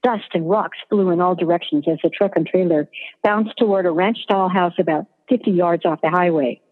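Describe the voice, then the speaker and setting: Husky low-voiced woman narrating a story. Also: fairly quick. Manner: even, descriptive storytelling. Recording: tinny phone-like sound with long reverb.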